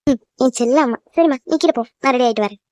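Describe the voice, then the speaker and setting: A woman's voice: high-pitched, fast, a little mellow, no room sound, studio quality, natural voice. A woman voicing a young cartoon bride, a devoted daughter who teases and reassures her mother. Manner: teasing, reassuring, chatty. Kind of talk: cartoon voice acting.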